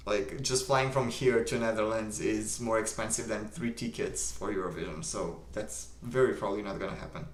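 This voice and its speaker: A young man from Romania with a Romanian accent, calmly reading viewer comments aloud and answering them on a live stream. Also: on the low side, normal speed, few pauses, roomy sound. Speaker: livestream host. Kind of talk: casual live-stream chat.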